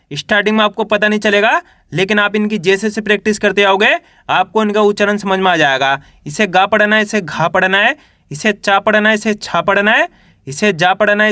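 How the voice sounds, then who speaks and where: A man's voice: sits high, moderate pace, sharp tone, no room sound, studio quality. A man teaching reading, patiently drilling each letter with repeated questions and example words. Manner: patient, repetitive drilling of syllables. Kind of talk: classroom-style spoken lesson.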